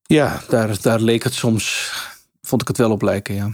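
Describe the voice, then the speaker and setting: A man's voice: on the low side, fairly even intonation, unhurried, no room sound, clean studio sound. Man giving casual sports analysis.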